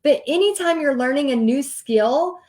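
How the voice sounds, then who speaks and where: A middle-aged woman from Texas, a host and paint party teacher, gives an informal online coaching talk in her Texas accent. Her voice sits high with a darkish tone, and she's animated at a moderate pace, chatty and storytelling with plenty of asides.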